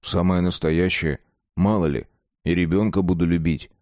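A man voicing a sleazy, unhinged young man with a hoarse voice. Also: deep voice, steady tone, moderate pace, darkish tone, no echo, studio quality, natural voice. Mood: quiet.

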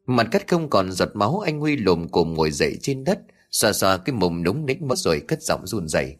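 A man narrating a ghost story in an expressive, dramatic storytelling style. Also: fairly low pitch, moderate pace, faint music behind. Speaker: audiobook narrator.

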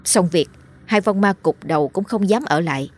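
Husky woman narrating a ghost story. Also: fairly low pitch, moderate pace. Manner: steady, dramatic storytelling. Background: faint music.

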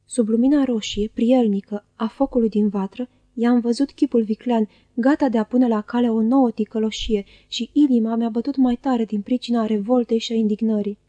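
A woman reads a classic novel aloud in a measured, expressive first-person narration. Her voice is mellow and a little high, recorded close and dry. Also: no room sound, muffled recording. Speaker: audiobook reader. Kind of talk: literary audiobook narration.

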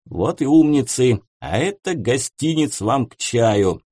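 A man voicing a cheerful, charming gentleman who greets and teases in a jovial way. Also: mid-range voice, expressive, measured pace, slightly rough, no echo, clean studio sound. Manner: jovial, teasing.

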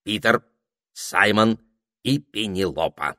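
A man's voice: fairly low pitch, expressive, slow, bright, forceful tone, no echo, studio quality, heavily acted. A man voicing a cheerful, teasing male parrot in a storybook reading. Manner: jaunty, teasing, soothing.

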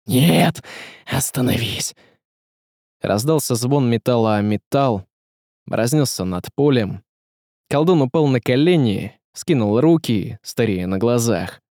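Man narrating an audiobook with lively pitch. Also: unhurried, no room sound, studio quality. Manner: lively, dramatic storytelling.

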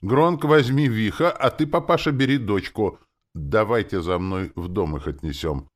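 A man's voice: lowish voice, sing-song, voice pushed up. A man reading an audiobook, voicing a bossy but caring elf woman who gives orders and coos. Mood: commanding. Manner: brisk, giving orders, then cooing.

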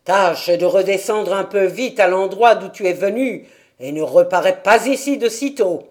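A woman voicing a gruff old grandfather of the Alps, speaking roughly and curtly. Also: low-pitched, expressive, measured pace, a little mellow, pitched below the performer's own voice. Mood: commanding. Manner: rough, curt.

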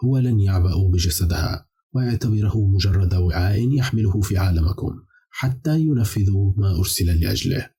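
A man's voice: low-pitched, animated, a little fast, warm tone, breathy edge, exaggerated voice. A man voicing a chorus of cold, ominous enslaved demons in an audiobook, speaking in a grave, warning tone. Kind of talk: audiobook character reading.

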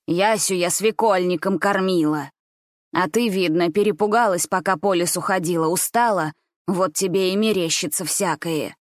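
A woman voicing a scheming old grandmother who talks slowly with false, soothing care. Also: on the low side, no echo, clean studio sound, natural voice. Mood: stern. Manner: slow, soothing, falsely caring.

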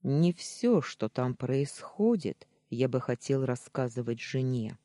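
A reader voicing a gentle, embarrassed married man who reassures and calms. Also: mid-range voice, takes it slowly, no echo, clean studio sound. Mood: soothing. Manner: soft, reassuring.

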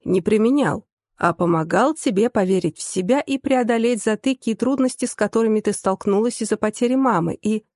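A woman reader giving voice to a composed young man who meets every outburst with dry, good-natured calm. The tone is mellow and unhurried, set a touch lower than a woman's usual speech. It is an audiobook character voice recorded close and dry. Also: no room sound, natural voice. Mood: earnest. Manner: unruffled, dry and good-humoured. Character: calm, teasing young man, the heroine's fiancé.

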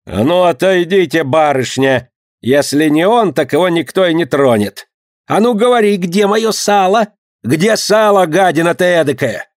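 A man voicing a loud, angry middle-aged female market vendor, shouting in a shrill, bossy way. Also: animated, moderate pace, no room sound, clean studio sound, natural voice. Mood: furious.

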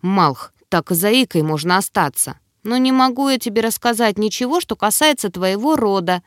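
A sly little male demon who gloats and teases with lecherous glee, as a woman reader puts him on. His lines swing up and down with lively pitch, close and dry with no room sound. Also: moderate pace, no room sound, lightly acted. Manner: teasing, gloating, wheedling. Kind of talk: audiobook character voice.

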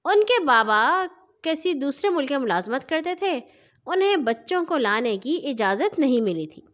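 A woman reads a children's story aloud in an expressive, sing-song way. Her voice is high for a woman and swings widely in pitch, which keeps the telling animated. The reading sounds like storytime for young listeners. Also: lo-fi sound.

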